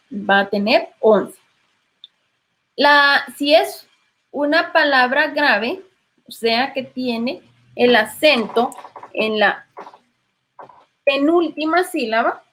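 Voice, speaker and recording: High-voiced woman teaching Spanish literature. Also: fairly bright tone. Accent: Guatemalan Spanish. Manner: patient, prompting students with questions. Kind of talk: online class lecture.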